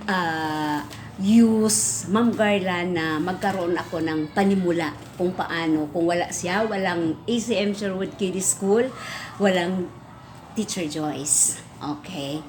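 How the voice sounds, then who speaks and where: A middle-aged woman with a Visayan accent, a preschool teacher telling a story in a casual vlog, chatty with many fillers. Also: slight background noise. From Visayas, Philippines. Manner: chatty, many fillers, rises in pitch when excited.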